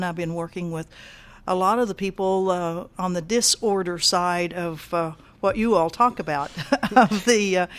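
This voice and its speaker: Older woman, halting guest answers. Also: lowish voice. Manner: halting, many fillers and restarts. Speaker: guest, peace activist. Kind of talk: casual interview answers.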